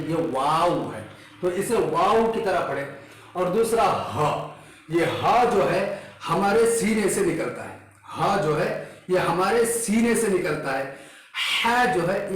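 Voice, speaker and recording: A high-voiced man teaching the letters of Quran recitation at an unhurried pace. He explains where each sound is made and repeats the letter again and again for learners. The recording carries a heavy echo from the room. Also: expressive, a bit bright, slight background noise. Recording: very echoey room.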